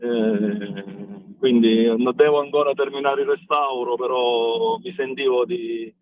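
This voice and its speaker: A man calling in on speakerphone while driving, explaining plans in a halting, step-by-step way as an event organizer. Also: mid-range voice, fairly even intonation, no echo. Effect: on speakerphone over a phone line while driving. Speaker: phone-in guest, event organizer. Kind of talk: casual phone chat on radio. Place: in a car. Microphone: hands-free car speakerphone. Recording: dry, tinny phone line.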